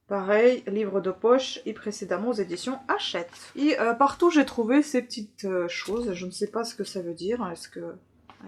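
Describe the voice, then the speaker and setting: A female book vlogger chats casually with her viewers, showing her haul one item at a time. She speaks hesitantly, pausing often on filler sounds while staying easy and chatty, in a medium-pitched voice with a darkish tone.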